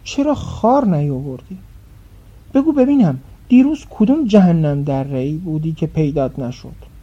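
An angry male baker, voiced by a woman narrator who berates and yells. His scolding rises and falls in wide swings, and the voice stays dark and slightly husky. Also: low voice, animated. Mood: furious. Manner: scolding, yelling. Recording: dull lo-fi.

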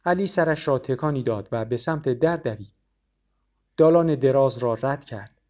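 A man reading a novel aloud as audiobook narrator, in a steady, measured storytelling manner. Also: medium pitch.

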